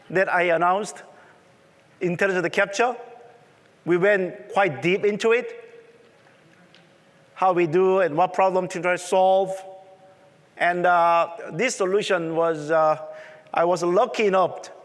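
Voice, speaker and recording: A man's voice: high-pitched, a bit bright. A man with a strong Korean accent and conversational non-native phrasing, presenting a technical talk at a conference. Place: large presentation room. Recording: echoey hall reverb.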